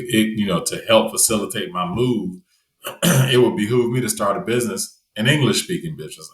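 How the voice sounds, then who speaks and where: Recorded in a reverberant space, a low-voiced man from the United States talks easily as a podcast guest. The interview chat is conversational and relaxed, peppered with fillers such as "you know."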